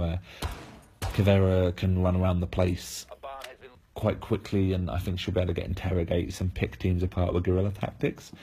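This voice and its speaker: A man's voice: low-pitched, mellow, slight background noise. A man losing his voice, giving analytical game preview commentary with frequent fillers and restarts.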